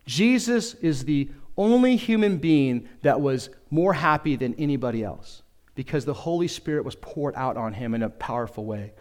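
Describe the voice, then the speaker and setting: A man's voice: medium pitch, expressive, moderate pace, a little mellow. A middle-aged male pastor preaching a sermon in a conversational, humorous way, often asking the congregation questions.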